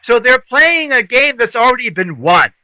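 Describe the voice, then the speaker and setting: A man's voice: extremely high pitch, sing-song, moderate pace, sharp tone, no room sound, low-quality recording. A man co-hosting a podcast, talking politics in a punchy, sarcastic way. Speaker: podcast co-host. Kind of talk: casual political chat.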